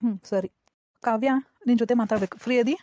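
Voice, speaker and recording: An earnest, pleading young office man in a cartoon comedy, as a woman voices him, in a North Karnataka Kannada accent. The voice is quick and rather high, with a dark, mellow tone. The recording is dull and dry. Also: steady tone, no room sound, natural voice. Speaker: cartoon voice actor.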